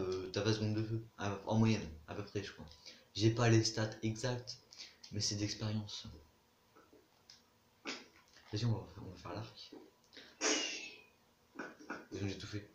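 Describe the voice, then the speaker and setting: A man's voice: lowish voice, echoey room, a little hiss or hum. A man casually commenting on his own gameplay, chatting, explaining game mechanics and talking to other players. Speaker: gaming YouTuber.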